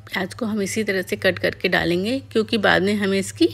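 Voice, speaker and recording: A woman calmly narrating a home cooking tutorial step by step as a voice-over. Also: mid-range voice, brisk, vocal fry, breathy edge. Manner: calm step-by-step explaining. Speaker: cooking channel host.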